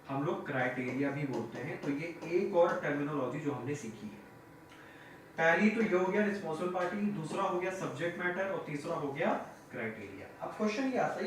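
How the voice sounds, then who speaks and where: A man's voice: a little high, animated, a little fast, a little hiss or hum. A male audit teacher lecturing, asking questions and answering them himself, repeating key terms. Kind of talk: classroom lecture. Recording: very echoey room, mic at a distance.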